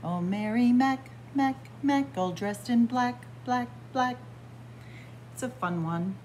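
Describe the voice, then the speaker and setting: Slow and fairly high-pitched with a darkish tone, this voice belongs to a children's librarian in her sixties reading a picture book aloud. She sing-songs the rhymes and makes playful asides, recorded close up by a webcam in a library with bookshelves, with a little hiss or hum.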